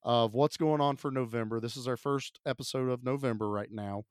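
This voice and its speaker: A man's voice: mid-range voice, a little fast, smooth, no echo. Guy co-hosting a movie podcast, kinda sick voice, chatty, dry close mic. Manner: chatty, upbeat, frequent fillers. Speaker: podcast co-host. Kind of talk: casual podcast chat.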